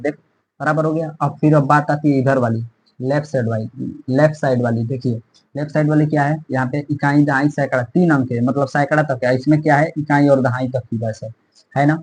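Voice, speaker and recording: Husky man teaching maths step by step. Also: a little high, darkish tone, rough recording. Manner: repetitive, checks in often with "theek hai".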